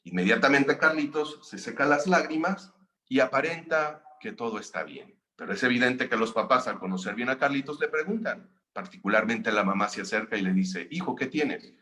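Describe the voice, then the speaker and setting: A man with a Mexican accent, a seminar facilitator, calmly narrating a story to explain a lesson. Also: medium pitch, fairly quick. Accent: Mexican Spanish. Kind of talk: storytelling lecture.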